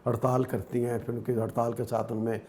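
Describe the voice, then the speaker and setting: An older man with a Pakistani Urdu accent recounting his acting career as a guest on a talk show. He speaks at an everyday middle pitch, and his voice lifts when he gets animated. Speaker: actor and guest. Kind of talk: interview storytelling.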